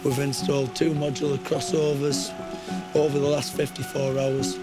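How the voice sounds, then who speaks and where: Very monotone man reporting on work. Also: mid-range voice, normal speed. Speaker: railway works manager. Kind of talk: progress report to camera. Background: prominent music.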